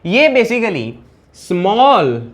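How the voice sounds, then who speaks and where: A man's voice: high-pitched, very animated, very slow. A man teaching a physics lecture in a conversational way, often repeating phrases and asking the class for a yes or no.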